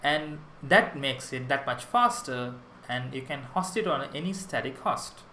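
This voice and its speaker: A man's voice: mid-range voice, lively intonation, unhurried, sharp tone, reverberant, slight background noise, rough recording. A young man from Sri Lanka giving a prerecorded conference talk on web development, enthusiastic and explanatory, with small restarts.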